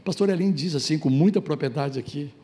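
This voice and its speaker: A middle-aged man, preaching a lively sermon on marriage, joking with the audience and acting out quotes. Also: a little high, fast. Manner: animated, acts out quotes, jokes with audience. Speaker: pastor.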